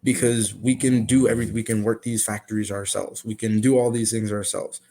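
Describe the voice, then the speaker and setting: A man's voice: lowish voice, little pitch movement, fairly quick, warm tone. Toronto man giving his opinions. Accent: Toronto Canadian. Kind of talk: casual panel discussion.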